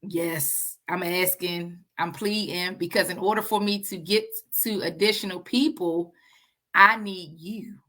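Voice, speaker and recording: A woman's voice: on the low side, steady tone, measured pace, hardly any pauses, fairly bright tone. A woman author speaking on a video call, talking earnestly and conversationally to her readers with faith-filled encouragement. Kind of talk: casual spoken address to an audience.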